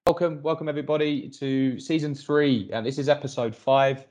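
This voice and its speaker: A man hosting a podcast, handing over to his co-host in a relaxed way with lots of fillers. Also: mid-range voice, moderate pace, music in the background.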